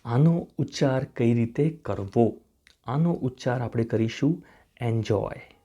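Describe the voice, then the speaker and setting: A man's voice: medium pitch, dark tone. A man teaching spoken English, spelling words out letter by letter, repeating each pronunciation and checking in with the viewer with a rising "okay?". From India.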